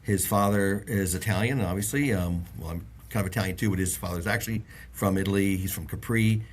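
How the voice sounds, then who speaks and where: In a casual interview chat, a middle-aged auto industry guest from the Bahamas talks fairly quickly in a deep voice. His stories run long and rambling, peppered with fillers and restarts.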